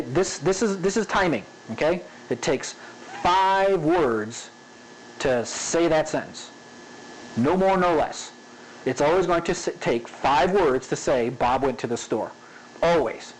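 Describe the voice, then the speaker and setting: A man's voice: on the high side, slight background noise, poor audio. Chatty man teaching animation. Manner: conversational, repeats "okay?" often, varies pace to demonstrate. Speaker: animation instructor. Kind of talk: casual spoken lesson.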